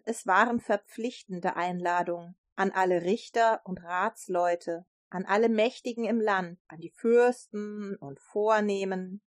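A woman telling a Bible story in a lively, expressive way. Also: mid-range voice, no room sound, clean studio sound.

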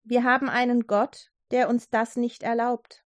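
A woman voicing a calm, faithful young man in a children's storybook reading, speaking gently and reassuringly. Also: fairly high pitch, unhurried, no room sound, studio quality, lightly acted.

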